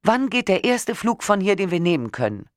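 A man doing a shrill, trembling panicked wife. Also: animated, normal speed, fairly bright tone, no echo, studio quality, full character voice. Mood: upset. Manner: voice rising high, shrill and trembling. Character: panicked American wife and mother trapped abroad. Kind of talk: audiobook reading.

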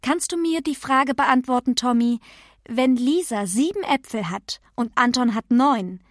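A woman voicing a patient, strict schoolteacher who speaks slowly and clearly. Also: on the high side, expressive, dry recording, clean studio sound. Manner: slow, measured and instructive.

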